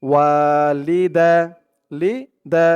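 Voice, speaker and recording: A man teaching Quran reading, sounding out each syllable, chanting verses slowly and explaining pronunciation rules in between. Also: fairly high pitch, fairly even intonation, a little mellow, clean tone, dull audio. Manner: drawn-out chanted recitation alternating with quick explanations. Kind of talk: slow spelled-out Quran reading lesson.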